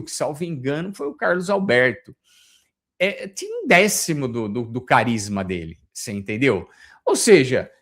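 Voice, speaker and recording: Lively, chatty Brazilian man. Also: a little high. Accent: Brazilian Portuguese. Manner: chatty, opinionated, with many filler restarts. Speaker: host. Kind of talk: casual commentary.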